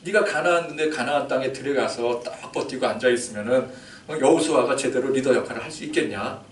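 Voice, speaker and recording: A pastor doing God, low and fatherly. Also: little pitch movement, moderate pace. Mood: soft apologetic. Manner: soft, intimate, fatherly address. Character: God, calm elderly male divine voice. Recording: echoey church hall, distant mic.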